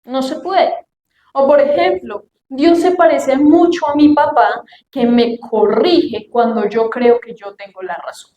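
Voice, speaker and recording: High-voiced young woman preaching animatedly. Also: unhurried, dull audio. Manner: lively storytelling, acting out quoted family voices. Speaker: youth preacher. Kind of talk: sermon. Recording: echoey room, faint background ambience.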